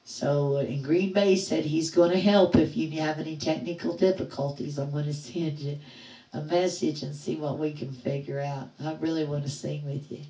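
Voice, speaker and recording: Chatty older woman, low voice, roomy. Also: fairly even intonation, normal speed, warm tone. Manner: chatty, cheerful, greets viewers by name. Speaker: musician hosting a livestream. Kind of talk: casual chat with viewers. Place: home in a trailer park. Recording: roomy, distant from the mic.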